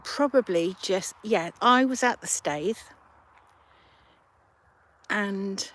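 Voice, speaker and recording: She livestreams from a riverside, chatting with viewers on a handheld phone in an unhurried, thinking-aloud manner. Her voice is medium-pitched and fairly bright.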